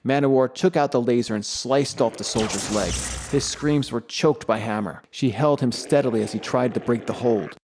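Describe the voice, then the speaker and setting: A man giving scripted audiobook narration with a steady storytelling delivery. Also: medium pitch, moderate pace, hardly any pauses, background noise.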